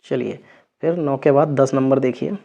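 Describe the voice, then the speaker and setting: A man's voice: mid-range voice, fairly even intonation, normal speed, creaky, mellow, lo-fi sound. A man teaching an exam vocabulary lesson, going over word meanings and checking in with his students after each one. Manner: repeats words with frequent check-ins.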